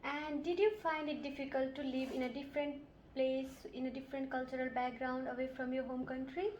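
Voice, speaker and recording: High-voiced woman nurse. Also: level tone, a little fast, darkish tone, dull audio, a little hiss or hum. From Nepal. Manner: polite, methodical questioning. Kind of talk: scripted health assessment role-play. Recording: roomy echo.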